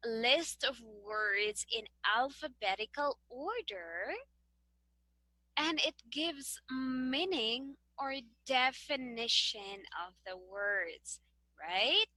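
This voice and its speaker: A woman teacher with a Filipino English accent leads a classroom demonstration lesson, checking in with students as she goes. Her voice sits high and sounds bright and crisp. The recording is dry and close, with no room echo. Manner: patient, guiding questions with frequent okay and right.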